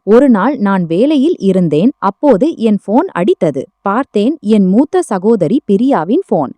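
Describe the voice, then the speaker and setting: Dark, lively-voiced woman narrating a story. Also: medium pitch, normal speed, no room sound. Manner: emotional first-person family story, evenly read.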